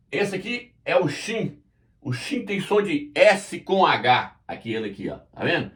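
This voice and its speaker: A man's voice: on the high side, a bit bright. Man teaching letters at a whiteboard. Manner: deliberate, spells out letters while pointing. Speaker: Bible teacher.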